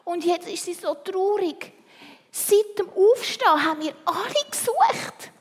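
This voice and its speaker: A woman's voice: very high voice, animated, a little slow, big-room sound, slight background noise, voice pushed up. A woman voicing a worried young boy mouse in a storybook reading, apologetic.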